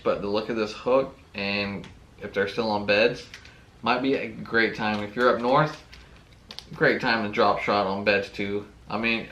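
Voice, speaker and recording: A man's voice: fairly low pitch, a bit bright, echoey room, slight background noise. A man hosting a fishing channel, casually unboxing tackle and talking with enthusiasm, often saying "really, really.".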